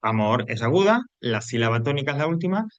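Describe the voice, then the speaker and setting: A man's voice: mid-range voice, lively intonation, quick pace, no echo, lo-fi sound. Man explaining a grammar lesson. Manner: explanatory, repeats himself, frequent tag questions. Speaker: teacher.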